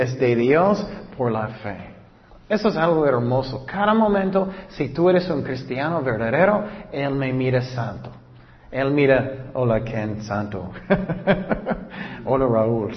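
A man preaching a sermon, reading scripture verses slowly and then urging listeners earnestly. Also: medium pitch. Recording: long hall reverb, dull lo-fi sound.

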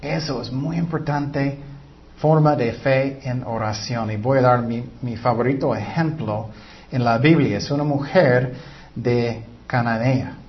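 A man's voice: mid-range voice, unhurried, muffled recording. A man preaching a sermon in an earnest, emphatic way. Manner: earnest, emphatic, breaks into acted quotes.

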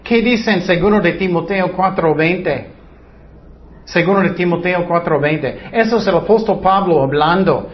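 A man's voice: sits high, moderate pace. A man preaching a Bible lesson, arguing his point with rhetorical questions and mocking quotes of what others say. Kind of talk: Bible teaching. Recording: slightly dull lo-fi sound.

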